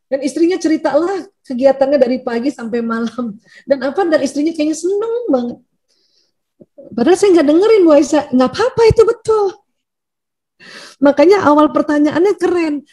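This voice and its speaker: A woman doctor giving a lively seminar talk to an audience, telling anecdotes and acting out bits of dialogue. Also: sits high, fairly quick, pauses often. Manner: animated, anecdotal, acts out quoted dialogue.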